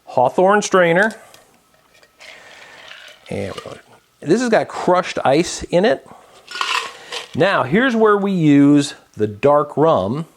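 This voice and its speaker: A man hosting his own cocktail vlog, explaining a drink step by step in a relaxed, chatty way with many fillers. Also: a little high. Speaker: home bartender host. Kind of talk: casual cocktail-making vlog.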